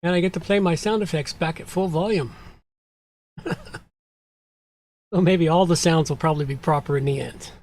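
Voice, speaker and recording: A woman co-hosting a casual show, chatting playfully and now and then jumping into a squeaky joke voice. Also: moderate pace, long pauses, a little mellow. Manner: playful, jumps into a squeaky put-on voice for effect. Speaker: podcast co-host. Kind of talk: casual chat.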